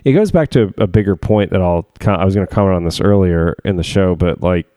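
A man with a very low, deep voice talks through a casual tech podcast. He rambles, leans on fillers and laughs often. The sound is close and dry. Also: a little fast, mellow, dry recording. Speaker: podcast co-host, tech worker. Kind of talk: casual chat.

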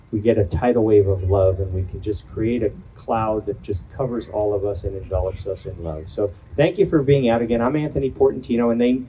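An older man speaks with a mellow, warm tone at an outdoor rally, earnest and emphatic as he rouses those gathered. Faint ambient noise sits behind his voice. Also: medium pitch, poor audio. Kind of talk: impassioned outdoor rally speech. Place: outdoor community event.

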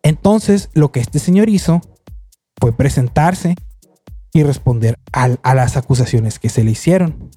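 A man's voice: medium pitch, a little slow, breathy edge, faint music behind. A man telling a story in casual chat, rambling with restarts and acting out quotes. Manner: rambling, many restarts, quotes people in lively voices.

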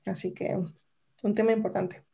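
A woman, a mother and podcast co-host, chatting casually and thoughtfully, often restarting her sentences and filling pauses. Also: mid-range voice, little pitch movement, vocal fry, warm tone. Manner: reflective, with many restarts and fillers.

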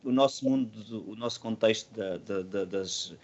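A man with a European Portuguese accent talking casually in an interview as a band musician, earnest and halting, repeating words and using slang. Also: fairly low pitch, a little mellow, lo-fi sound.

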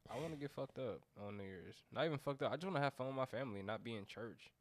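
A man's voice: medium pitch, animated, racing, no room sound. An American man chatting casually with friends, blunt and slangy, often saying things twice. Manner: blunt, slangy, repeats himself. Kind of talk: casual chat among friends.

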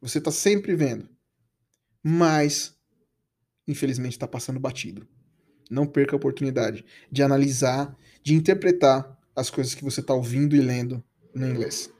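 A man's voice: medium pitch, moderate pace, a little mellow. A man from Brazil teaching English in a casual, chatty podcast lesson, coaxing listeners with slangy asides.

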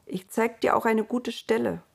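A woman's voice: a little high, steady tone, moderate pace, creaky, husky, voice pushed up, heavily acted. A woman reading the part of Adam in a storybook, the lonely first man asking earnestly and pleadingly.

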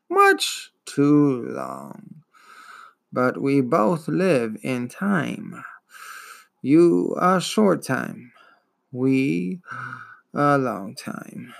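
A man reads as an ancient giant turtle, a weary old female creature from a storybook, dragging each word out in a very slow drawl. Her gloomy voice is gravelly and wheezing, and it swoops widely in pitch. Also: fairly bright tone, full character voice.

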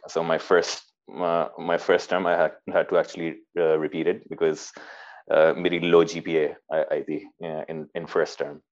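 A man's voice: extremely low pitch, level tone, moderate pace, lo-fi sound. A man with a Pakistani accent telling stories casually in conversation, informal and hesitant, often repeating his words. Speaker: interview guest, former army cadet.

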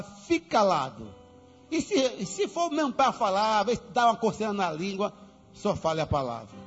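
A middle-aged man, preaching a sermon with sudden loud commands and playful asides. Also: high voice. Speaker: pastor. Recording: dull reverberant hall with faint music.

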